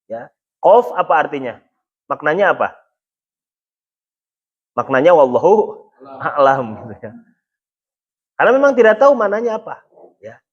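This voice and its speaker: A man's voice: fairly high pitch, sing-song, measured pace, pauses often, breathy edge, highs cut off. A man teaching a Quran study lecture in a patient, explanatory way, often adding a checking "ya". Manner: explanatory, repeating "ya" to check understanding. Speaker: Islamic religious teacher.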